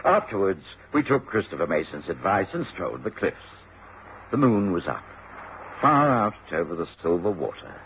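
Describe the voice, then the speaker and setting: A man playing a genial middle-aged gentleman doctor in a radio drama. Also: low-pitched, very animated, moderate pace, heavily acted. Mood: reflective. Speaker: actor and first-person narrator. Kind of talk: radio drama narration and dialogue. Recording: dull, lightly noisy radio recording.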